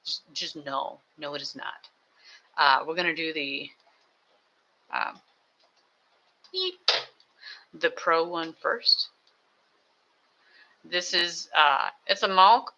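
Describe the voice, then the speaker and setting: Rambling home streamer with a sharp, bright voice who chats and builds at the same time. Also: mid-range voice, highs cut off, a little hiss or hum. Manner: chatty, thinks aloud, self-mocking asides. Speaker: live streamer building toy sets. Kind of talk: casual rambling chat while building. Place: home desk with two computers.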